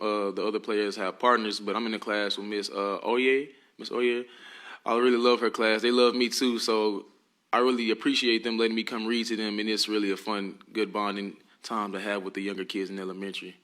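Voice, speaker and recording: A teenage high school football player answers interview questions in a polite, earnest way. His voice is fairly low but strikingly bright. He speaks in a calm, measured manner. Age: teens.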